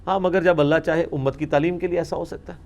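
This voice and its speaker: A man's voice: a little high, fairly even intonation, gravelly, a little mellow. A man with a Pakistani Urdu accent, a scholar answering questions in a religious lecture recorded in a studio, explaining points emphatically with wry asides and English words mixed in.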